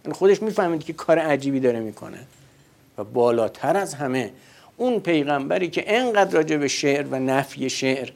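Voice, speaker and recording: A man's voice: a little high, gravelly, darkish tone. A man giving a religious lecture in a conversational way, posing rhetorical questions and answering them himself.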